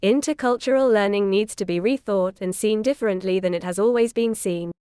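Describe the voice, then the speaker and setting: A woman reading scripted documentary narration in an even, informative way. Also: mid-range voice, brisk, clear, resonant tone.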